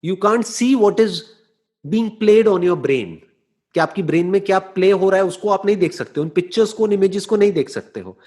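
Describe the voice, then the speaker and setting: Guy with a high voice giving a motivational talk, slow and deliberate, keeps checking you're following. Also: expressive, darkish tone. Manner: slow, deliberate explaining with rhetorical check-ins; switches into English phrases. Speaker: motivational speaker. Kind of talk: explanatory talk answering a listener.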